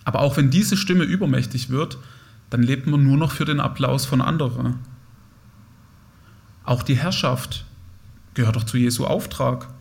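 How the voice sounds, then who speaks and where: A man's voice: medium pitch, normal speed, gravelly, pauses often. A young man giving a conversational, reflective sermon, speaking directly to his listeners. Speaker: preacher.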